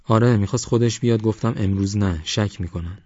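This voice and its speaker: A man voicing a young village girl who quietly brings food and asks after a wound. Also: on the low side, no room sound, lightly acted. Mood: concerned. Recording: dull lo-fi audio.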